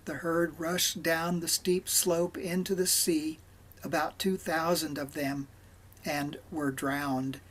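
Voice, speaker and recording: A man leads a morning devotional, reading a Bible passage aloud. His voice is slightly husky, and he reads at a slow, measured pace with frequent pauses. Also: fairly high pitch, level tone, a bit bright. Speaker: devotional leader. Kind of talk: scripture reading.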